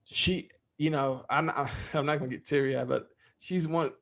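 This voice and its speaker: A man's voice: a little high, steady tone, measured pace, gravelly, fairly bright tone. A middle-aged man speaking as a podcast guest in candid interview talk, heartfelt and freely swearing.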